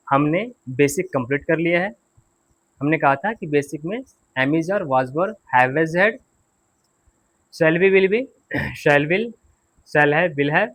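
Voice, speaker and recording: A man's voice: sits high, fairly bright tone, dry recording. A man teaching an English grammar and pronunciation class, patiently repeating key points and quizzing his students.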